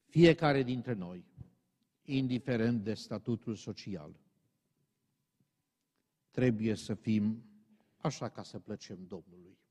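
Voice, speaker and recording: Male preacher, sermon delivery, warm dark tone, emphatic and exhorting, long hall reverb. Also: lowish voice, pauses often, husky. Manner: emphatic, rising to stern exhortation.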